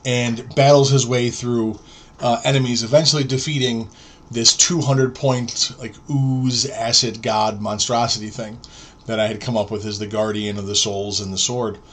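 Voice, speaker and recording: Man, forties, podcast co-host, casual chat, animated storyteller, mid-pitched voice, acts out dialogue. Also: moderate pace. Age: 40s.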